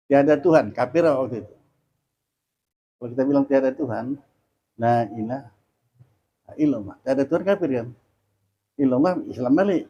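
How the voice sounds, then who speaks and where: A man teaches a religious study class, talking in a loose, chatty way and answering his own questions. His voice is husky and mellow. The recording sounds muffled and lo-fi. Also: mid-range voice. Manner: chatty, explains with questions and repeated dhikr phrases.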